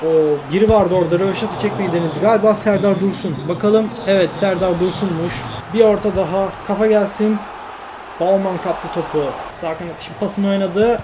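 Excitable man commenting on a football game. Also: sits high, fairly quick, noisy background. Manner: excitable, shouts at his teammates, groans when things go wrong. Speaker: gaming YouTuber. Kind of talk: live commentary over a football video game career.

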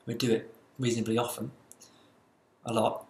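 A man gives a university lecture at a mid-range pitch with little pitch movement, explaining things step by step in a measured way with the odd "uh." The recording has a roomy echo and a faint hiss underneath.

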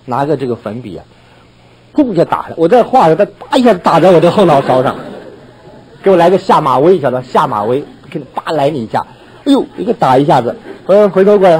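An older pastor delivers a sermon, his husky voice sitting a little high for a man. He tells his story in a lively way, laughing and acting out the dialogue. His pitch swings widely as he goes. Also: low-quality recording.

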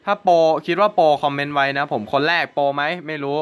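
A man's voice: fairly high pitch, brisk, fairly bright tone, smooth. A young man hosting his gaming channel, chatting casually through gameplay and swearing and exclaiming at the game.

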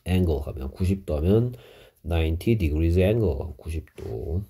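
Male English teacher, middle-aged, deep, dark, husky tone, slow patient explanations. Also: lively intonation. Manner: slow, explanatory, with Korean glosses of English words. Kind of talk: vocabulary lesson.

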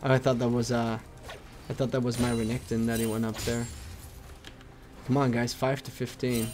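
A young man casually commentating his own game, excitable and whooping at big plays, chatting to his viewers as boys and dudes. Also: medium pitch, moderate pace, over music. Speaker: gameplay commentator.

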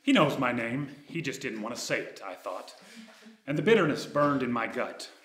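A man in his thirties reading a true personal story aloud on a dark theater stage, wry and ironic. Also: medium pitch, expressive, normal speed, roomy sound, noisy background.

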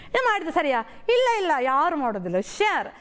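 Lively high-voiced woman teacher. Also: brisk. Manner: explains words and asks children questions; lively, sing-song storytelling delivery. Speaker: primary school teacher. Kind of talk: televised classroom lesson.

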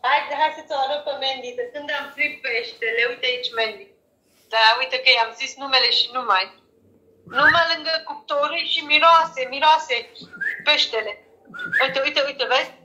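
A woman chatting casually in her home kitchen, animated and quick to exclaim. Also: high voice, echoey room, rough recording. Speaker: home cook and vlogger. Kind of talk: casual family chat.

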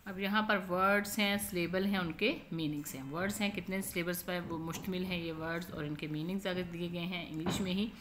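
A woman teacher going through a textbook lesson, repeating each point patiently and reading the English examples slowly. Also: fairly low pitch, steady tone, a bit bright, slight background noise.

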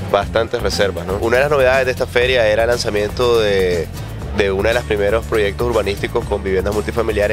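A man from a housing trade association answering a reporter, hesitant, with fillers and restarts. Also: lowish voice. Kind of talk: interview answers.

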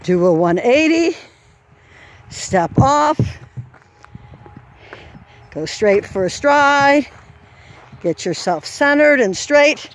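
Slow-paced woman calling a trail course. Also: high-pitched, lively intonation. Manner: calls out steps and trot rhythm. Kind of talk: walking course instruction. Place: outdoor farm trail course. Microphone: handheld camera while walking. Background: faint outdoor farm ambience.

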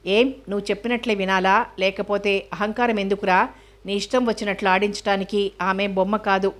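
A woman's voice: mid-range voice, little pitch movement, a little fast, natural voice. A woman reading the lines of a hot-tempered male friend who scolds bluntly, in a storybook reading. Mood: scolding. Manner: scolding and forthright.

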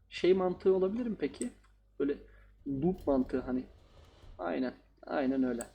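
A man's voice: mid-range voice, vocal fry, dark tone, a little hiss or hum. A man playing a horror game and commenting casually, joking and talking back to the characters on screen. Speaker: gaming YouTuber.

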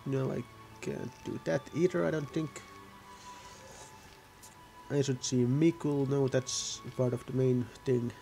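A man's voice: medium pitch, fairly even intonation, slow, gravelly, pauses often, warm tone, faint music behind. A man giving casual, rambling gameplay commentary, often correcting himself mid-sentence. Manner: rambling, self-correcting, offhand. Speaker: gaming video host.

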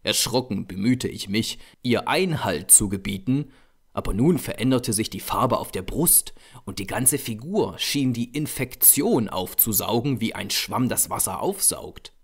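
A man narrating a horror audiobook in a measured, expressive storytelling manner. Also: fairly low pitch, slightly rough.

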